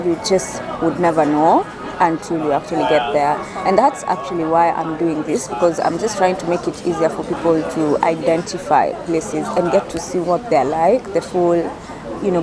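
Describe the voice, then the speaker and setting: A woman's voice: fairly low pitch, poor audio. A woman chatting casually and ramblingly as a solo food review vlogger, telling things like stories to a friend. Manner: chatty, rambling storytelling with frequent 'like' and 'you know'. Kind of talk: casual vlog chat. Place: busy cafe in a shopping center. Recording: busy public crowd chatter behind voice.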